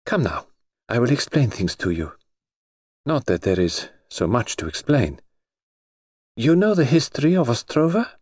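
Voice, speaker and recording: A man's voice: medium pitch, big pitch swings, darkish tone, husky, no echo, clean studio sound, pitched above the performer's own voice. A male narrator voicing a cheerful, imperious young grand duchess in an audiobook, bubbly and commanding. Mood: confiding. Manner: bubbly, commanding, quick to stamp her foot. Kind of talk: audiobook character voice.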